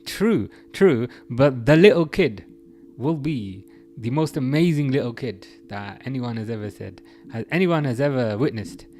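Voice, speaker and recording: Faint music plays behind a young man hosting a casual football stream in an unhurried, medium-pitched voice. He reads out chat comments and drifts through his thoughts, frequently starting over.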